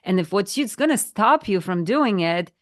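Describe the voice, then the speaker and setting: A Polish woman in her thirties with a Polish accent co-hosts a podcast in a casual chat. Her mid-range voice is animated and moderately paced, and she speaks earnestly, sometimes searching for words.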